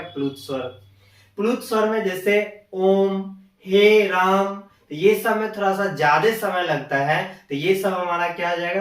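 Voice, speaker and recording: A man with a high-pitched voice gives a grammar lesson, moving from one point to the next. He keeps asking the class a question and then answering it himself. He stands well back from the microphone in a bare room full of echo. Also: fairly bright tone. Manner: explains step by step, asks and answers his own questions. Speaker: teacher. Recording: echoey room, far from the mic.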